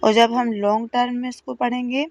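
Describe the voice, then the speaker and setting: A woman teaching English phonics at home, patiently calling out word lists and stressing each word loudly. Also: fairly high pitch, flat delivery, brisk, no room sound, muffled recording.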